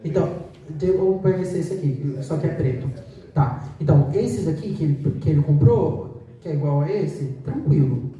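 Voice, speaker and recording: A woman speech therapist talks a choir through voice exercises in a relaxed, practical, explanatory way. Her voice is dark and mellow and sits a little low. It comes from across a very echoey room. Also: normal speed, far from the mic, highs cut off. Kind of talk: informal talk to a choir.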